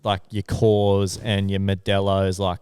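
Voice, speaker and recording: A man's voice: sits low, monotone, unhurried, darkish tone, clear, resonant tone, no room sound, studio quality. A young Australian man co-hosting a podcast, telling stories in a laid-back way and swearing a lot. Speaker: podcast co-host. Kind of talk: casual storytelling chat.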